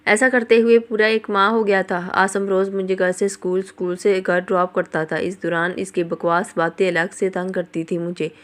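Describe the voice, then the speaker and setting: A woman narrating a novel aloud in first person, in a steady, measured reading style. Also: medium pitch. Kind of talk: scripted story narration.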